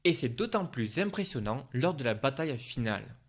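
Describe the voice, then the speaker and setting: A man's voice: medium pitch, very animated, fairly quick. A man reading a scripted film review as a voice-over narration.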